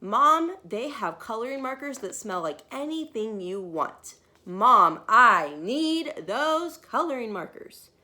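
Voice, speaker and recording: An insistent little girl from a storybook, as a woman reads her aloud, wheedles and pleads her case. The voice is bright and lifted, with every request pressed home. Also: a little high, very animated, slow, hardly any pauses, voice pushed up, exaggerated voice. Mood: insistent pleading. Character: pleading, persuasive little girl wanting markers.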